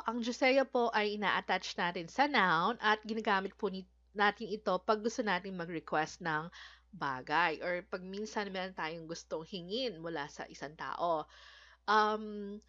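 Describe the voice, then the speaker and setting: A woman's voice: mid-range voice, lively intonation, a little slow, fairly bright tone, highs cut off. A woman from the Philippines teaching a language lesson, patiently repeating each word and speaking politely. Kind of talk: Korean vocabulary lesson in Filipino.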